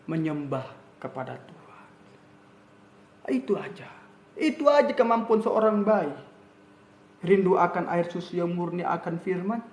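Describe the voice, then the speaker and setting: A man preaching a sermon with emphatic, repetitive phrasing that swings from loud to soft. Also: sits high. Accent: Indonesian. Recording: echoey room.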